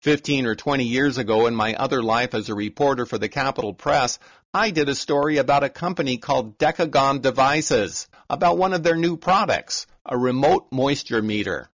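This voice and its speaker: A man hosting an agricultural podcast, reading a scripted narration in a measured, informative way. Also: medium pitch, fairly bright tone, no room sound. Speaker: podcast host and farm reporter.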